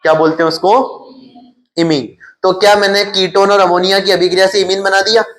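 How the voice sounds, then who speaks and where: A man's voice: sits high, level tone, fairly quick, fairly bright tone. A male chemistry teacher with a Hindi accent lecturing his class. He keeps asking questions and answers them himself, repeating the key terms.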